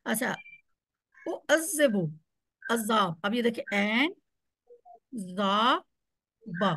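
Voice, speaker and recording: A woman's voice: on the high side, lively intonation, slow, sharp tone, no room sound, studio quality. A woman teaching a class, explaining step by step and repeating words so students can follow. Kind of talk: online Quran Arabic class.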